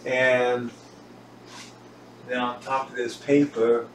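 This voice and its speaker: A home recording hobbyist films a casual tour of his gear indoors, talking slowly and haltingly in small fragments as though showing someone around. His mid-range voice is level and slightly bright, and the tripod-mounted camera sits some distance off, leaving the sound roomy and echoey with faint hiss.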